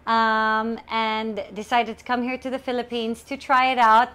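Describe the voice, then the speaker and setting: A woman's voice: a little high, flat delivery, a little slow, fairly bright tone, clear, resonant tone. A woman in her thirties from Australia, co-hosting a casual home podcast, playful and mixing English with Filipino, on a lapel mic. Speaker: podcast co-host. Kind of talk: casual chat. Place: home in a busy city district.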